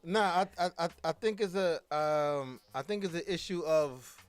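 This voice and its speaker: A man's voice: on the high side, normal speed, clear, resonant tone. A male host speaking casually and preaching, who repeats his lines for emphasis. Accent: Caribbean-American. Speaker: show host. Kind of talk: casual radio show talk. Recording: music playing underneath.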